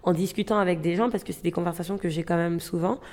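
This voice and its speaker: A woman's voice: fairly low pitch, fairly even intonation, fast talker, darkish tone. A woman in her twenties from Gabon, telling her own story in an interview, reflective and hesitant, with frequent fillers and restarts. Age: 20s.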